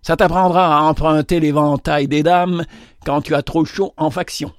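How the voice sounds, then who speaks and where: A cheeky young soldier jeers at his comrades in a teasing, mocking voice, as a man puts him on. The pitch sits above the reader's own, with a dry, close sound. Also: fairly even intonation, moderate pace, dry recording, natural voice.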